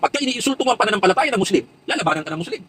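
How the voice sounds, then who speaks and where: A man's voice: high-pitched, lively intonation, rapid-fire, fairly bright tone, breathy edge, rough recording. A man delivering an impassioned commentary monologue, preaching with rhetorical questions and repeated emphatic lists.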